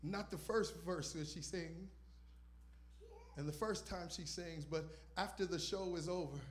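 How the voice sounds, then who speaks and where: A man with a strikingly high voice preaching a sermon from a church stage, holding a microphone in his hand. He swings from loud, shouted declarations down to hushed, almost whispered asides. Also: a little slow, slight background noise. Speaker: visiting pastor. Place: church stage with purple lights. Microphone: handheld microphone.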